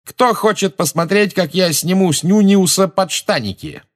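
A man voicing a cocky, showy teenage boy who shouts brashly in an audiobook reading. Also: medium pitch, very animated, normal speed, voice pushed up, lightly acted. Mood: loud.

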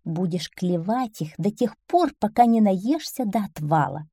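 A woman's voice: mid-range voice, lively intonation, measured pace, dark tone. A woman voicing a cunning female fox who coaxes and mocks in a falsely kind tone in a storybook reading. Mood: sly. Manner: coaxing, mocking, falsely kind. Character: sly sweet-talking female fox, a cunning predator.

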